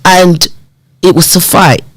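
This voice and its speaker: On a podcast interview, a community development worker in her fifties recounts her life, bringing remembered dialogue to life with animated performance. Her voice is on the low side and slow, and the poor-quality audio has no echo.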